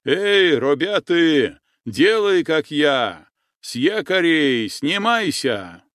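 A gruff male boatman on watch, as a narrator puts him on, stern and loud, calling out orders in a raised, drawn-out voice. The sound is dry and close. His pitch moves widely. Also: expressive, dry recording. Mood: shouting.

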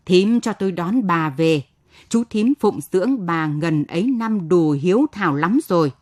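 A woman reading the part of a proud, angry middle-aged man who speaks forcefully and bitterly to his sister-in-law in a radio story. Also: on the low side, animated, measured pace, no echo, studio quality.

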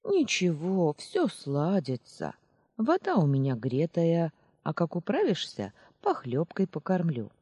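A hoarse old village woman, as an audiobook reader puts her on, kindly but forever grumbling and scolding. Her husky, mellow voice leaps about in pitch, fussing over everyone around her. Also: very animated, unhurried, dry recording. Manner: good-natured grumbling, scolding. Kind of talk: audiobook character voice.

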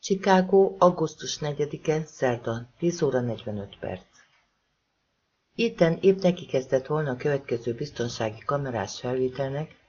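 Guy reading an audiobook, mid pitch, slightly muffled lo-fi recording. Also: darkish tone, breathy edge. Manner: reads dialogue with shifting pitch and level. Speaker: audiobook narrator. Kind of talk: scripted narration.

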